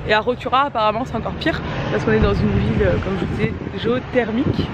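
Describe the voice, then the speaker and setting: A woman's voice: medium pitch, quick pace. A woman chatting casually to camera as a vlogger. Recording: noisy outdoor and vehicle background.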